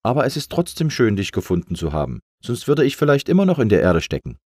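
A man's voice: mid-range voice, very animated, moderate pace, darkish tone, dry recording, clean studio sound, pitched above the performer's own voice. A man voicing a big talking letter A, fretful and complaining, in a storybook. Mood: worried. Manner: worried, complaining.

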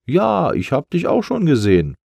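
A man's voice: fairly high pitch, wildly swooping pitch, moderate pace, gravelly, a little mellow, slightly rough, no echo, pitched above the performer's own voice, exaggerated voice. A man voicing a friendly, playful jellyfish in a children's storybook. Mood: inviting.

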